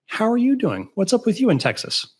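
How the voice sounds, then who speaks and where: A man's voice: high-pitched, huge pitch swings, fairly quick, slightly rough. A man from the Boston area hosting a casual tech show, joking and laughing often. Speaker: podcast host. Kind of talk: casual chat.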